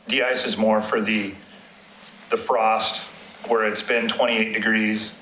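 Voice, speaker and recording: A man with a somewhat low voice speaks plainly and practically at a public committee meeting, explaining things with everyday examples. The room is echoey and a faint background hum sits under his voice. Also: fairly bright tone. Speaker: city road maintenance staff presenting.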